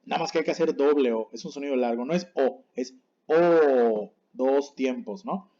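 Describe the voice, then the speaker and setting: A man teaching a language lesson, patiently saying each word slowly and then again to contrast the right and wrong way, and often checking that his class follows. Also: mid-range voice, mellow, dull audio. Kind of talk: explaining Japanese pronunciation on screen.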